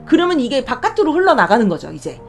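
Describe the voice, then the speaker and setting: A woman's voice: high-pitched, sing-song, fast, soft background music. A woman deaconess sharing a faith testimony on her podcast, earnest and speaking directly to listeners. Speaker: church deaconess, podcast host.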